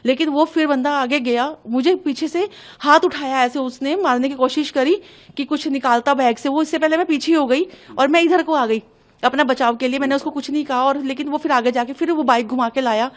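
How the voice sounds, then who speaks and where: A young woman giving an urgent, agitated account of an incident to a news reporter. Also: high-pitched. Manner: urgent, agitated, hurried retelling. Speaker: interviewee recounting an incident. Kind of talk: emotional news testimony.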